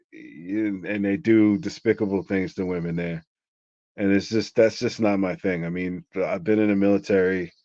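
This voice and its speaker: With a fairly low, slightly mellow voice, a middle-aged man rambles casually through a story as an interview guest, leaning heavily on "like." There's no room sound, and the audio is dull and lo-fi.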